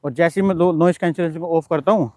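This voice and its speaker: A man reviews wireless mics casually while wearing a clip-on mic, chatting and explaining each step as he handles the gear. He talks fast in a fairly high, steady voice with a darkish tone, and there's no room sound.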